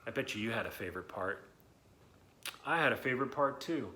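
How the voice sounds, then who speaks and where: A man with a medium-pitched, bright, forceful voice reads and talks to young children, speaking fairly quickly with lively intonation. As a children's story reader and host, he addresses them directly, enthusiastic and encouraging, and stretches words for emphasis.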